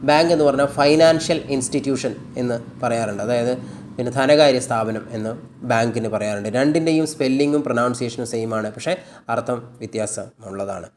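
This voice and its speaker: A man with a Malayali accent teaching English. He reads word lists slowly, repeats them, explains each in his own language, and fixes his own slips as he goes. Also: mid-range voice. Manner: corrects his own slips mid-sentence.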